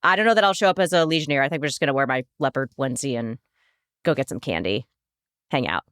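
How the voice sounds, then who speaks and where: A woman's voice: very deep voice, animated, fast talker, a bit bright, clear, resonant tone, no echo, clean studio sound. A woman chatting informally and playfully as a podcast panelist, using plenty of slang. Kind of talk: casual chat.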